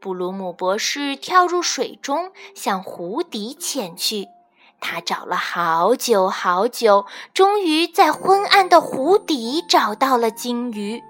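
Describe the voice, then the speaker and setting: A woman reading a children's storybook aloud, expressive and measured. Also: fairly high pitch. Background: faint children's music.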